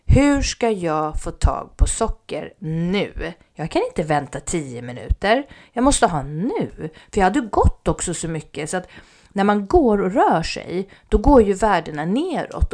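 A woman of ordinary pitch recounts a personal story in an easy, casual way. She talks with animation, voices other people's lines and now and then sinks to a near-whisper. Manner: animated, acts out quoted speech, drops to near-whispers. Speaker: mother telling a personal story. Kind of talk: casual spoken anecdote.

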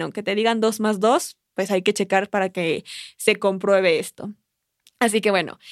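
A young woman talks through a self-help podcast episode in a casual, conversational way. She keeps putting reflective questions to the listener. Her voice sits at an everyday middle pitch, and the recording is dry with no room sound. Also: dry recording. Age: 20s. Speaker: podcast host.

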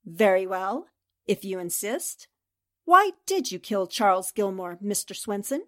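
In a radio mystery, a woman voices a calm, clever newspaper writer who investigates crimes, speaking with measured, narrative pacing. Her mid-range voice has a sing-song lilt, and her tone is accusing.

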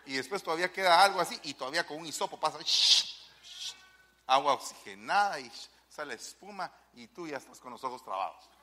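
A man preaching a lively sermon, firing rhetorical questions at the congregation. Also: on the high side, fast.

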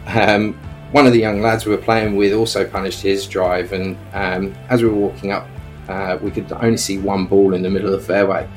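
A man's voice: deep voice, flat delivery, fairly quick, soft background music, low-quality recording. A middle-aged Australian man leaving a casual voicemail for a podcast, hesitating with frequent ums and uhs. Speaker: caller.

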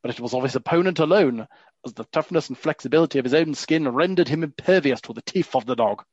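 A man putting on an old-timey male narrator voice to read a period account with measured, dramatic delivery. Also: fairly high pitch, darkish tone, no echo, close to an everyday voice. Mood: grandiose. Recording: dull lo-fi dry recording.

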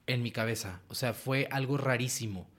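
A young guest, a writer and actor with a Mexican Spanish accent, tells stories during a casual interview. He is animated and laughs often, speaking at medium pitch and normal speed.

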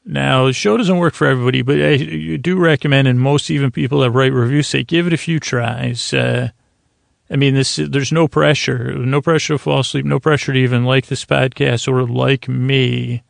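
A podcast host with a creaky, gravelly, mid-range voice delivers a rambling bedtime monologue meant to lull listeners to sleep. His tone stays steady and soothing as he halts and meanders through digressions, recorded dry with clean studio sound.

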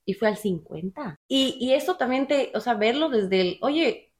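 A woman hosting a podcast, talking in casual chat, emphatic and animated, often acting out her own words. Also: on the high side, normal speed. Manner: emphatic and animated, quotes herself. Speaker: podcast host.

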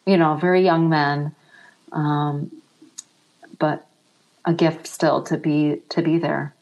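A middle-aged woman speaking softly and reflectively as an interview guest, emotional as she talks. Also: low-pitched, little pitch movement, takes it slowly, dull audio. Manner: soft-spoken, reflective, emotional.

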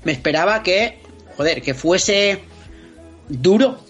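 A man's voice: sits high, takes it slowly, slightly rough. A man with a Spain Spanish accent, chatting on a podcast as a guest and acting out scenes with vivid interjections. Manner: expressive storyteller, acts out scenes with interjections. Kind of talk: casual podcast chat. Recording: slightly dull lo-fi audio, faint music behind.

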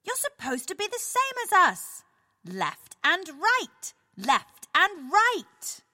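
A woman voicing a strict group of penguins who scold in a children's story, giving sharp commands. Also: high voice, wildly swooping pitch, takes it slowly, breathy edge, big-room sound, full character voice.

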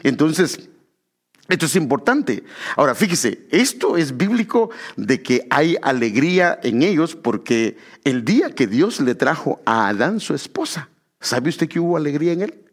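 A man from Guatemala with a Guatemalan Spanish accent, preaching a sermon in an animated way, calling his listeners brother and correcting himself as he goes. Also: on the high side, measured pace.

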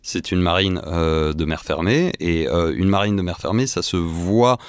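A man appears as a guest researcher on a podcast, offering lengthy expert analysis in a halting manner, full of filler hesitations. His voice sits low with a clean tone, and the studio sound is clean with no room sound.

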